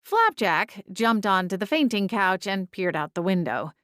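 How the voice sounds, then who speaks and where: A woman's voice: medium pitch, sing-song, unhurried, fairly bright tone, clear, resonant tone, no room sound, studio quality. A woman reading scripted first-person story narration as an audiobook narrator.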